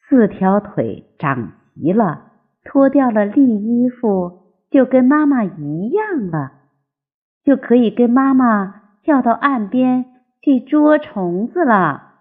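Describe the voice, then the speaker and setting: An older woman voicing a gentle mother frog who speaks softly, slowly and kindly. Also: slightly rough, heavily acted. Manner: soft, low, unhurried and kind. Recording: tinny phone-like lo-fi sound.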